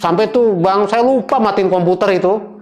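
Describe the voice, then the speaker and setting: A young man, casually telling a personal ghost story as a guest, in an animated, dramatic way full of fillers. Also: high-pitched, normal speed.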